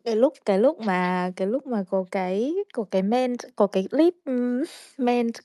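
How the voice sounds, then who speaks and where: A woman's voice: a little high, moderate pace, warm tone, no echo, studio quality. A woman, chatting casually in a crude, self-mocking, rambling way full of restarts. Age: 30s. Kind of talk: casual chat.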